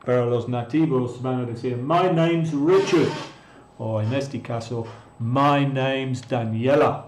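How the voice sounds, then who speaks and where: Man, language teacher on a live stream, unhurried patient delivery, echoey room. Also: medium pitch, fairly even intonation, noisy background. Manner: patient, repeats words, answers chat viewers. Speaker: English teacher. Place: room in Mexico.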